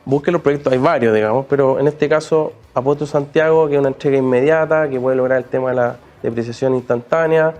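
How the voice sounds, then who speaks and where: A middle-aged Chilean man, a real estate guest on a talk show, speaking haltingly with many restarts. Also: mid-range voice, steady tone, darkish tone, muffled recording, faint music behind. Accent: Chilean Spanish. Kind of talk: casual talk-show chat.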